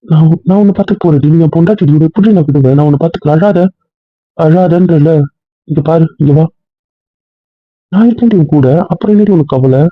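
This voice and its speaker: A woman's voice: low voice, fairly quick, pauses often, no room sound. A woman voicing a young husband who soothes his tearful wife with affectionate teasing, in a Tamil audio drama role-play. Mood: comforting. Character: young husband, tender and reassuring. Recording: tinny phone-like lo-fi sound, slightly distant.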